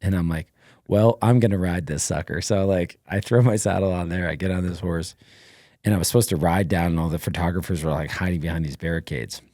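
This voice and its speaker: A middle-aged man talks as a guest on a podcast, spilling out a long story in an energetic, rambling way full of fillers. His voice sits very low. The sound is close and dry, like a studio mic with no room around it. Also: fast talker, no room sound. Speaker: podcast guest, former Navy SEAL. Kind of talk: casual interview storytelling.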